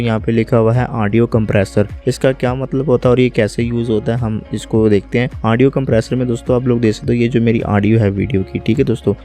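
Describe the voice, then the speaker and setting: A man narrates a screen-recorded software lesson from his computer. His voice sits low and dark, with little rise and fall, and he moves calmly from step to step. Soft music plays faintly beneath him. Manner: calm, step-by-step, often says "friends". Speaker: software tutorial host.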